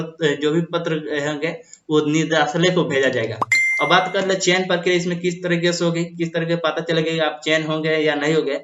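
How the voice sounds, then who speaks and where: A man with a slightly high voice walks through an official notice, going over each point again and padding it with fillers and restarts. The sound is dull and lo-fi, as if recorded with a cheap mic. The room around him is echoey. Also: noisy background. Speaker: explainer of a government notice. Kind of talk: casual explainer video reading out a notice.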